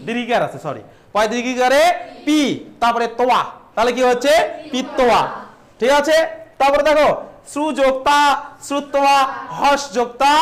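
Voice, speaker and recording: A man with a strikingly high-pitched voice leads a grammar lesson. He keeps asking his students questions and supplying the answers himself. He repeats key terms and draws out words slowly to model how they should be pronounced. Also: a bit bright. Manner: stretches out words to model their pronunciation. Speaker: teacher.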